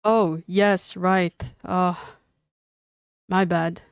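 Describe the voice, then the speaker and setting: Stammery apologetic young guy, woman narrator doing him, slow easy pace. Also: lowish voice, fairly even intonation, clean tone, no room sound, studio quality. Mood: sheepish. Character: cheerful awkward young man.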